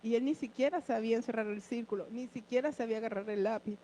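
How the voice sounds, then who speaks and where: A woman with a fairly high voice shares an earnest personal testimony in church. Her breath runs short with emotion, and she speaks directly to her listeners. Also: quick pace, mellow, poor audio. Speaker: church member giving a testimony.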